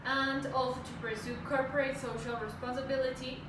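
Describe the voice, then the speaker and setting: A young woman from Mexico in her twenties presents steadily to her class, with a fairly high voice. She stands away from the mic in a very echoey room, and noise is clearly heard behind her. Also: fairly even intonation, fairly quick, recorded from a distance. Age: 20s. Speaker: student presenter.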